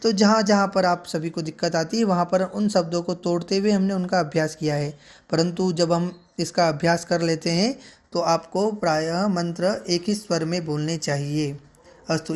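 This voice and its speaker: A man teaching Sanskrit mantra pronunciation, chanting each word slowly and carefully, then explaining in speech. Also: high voice. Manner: slow deliberate chanting of each syllable, then quicker explanation.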